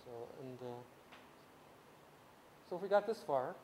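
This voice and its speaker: Speaking unhurriedly in a slightly high, expressive, darkish voice, a music teacher from a Ukrainian-speaking background gives a casual workshop lecture on sound. In a camp workshop room, he rambles through long explanations with many restarts, fillers, and "you know"s, over slight background noise.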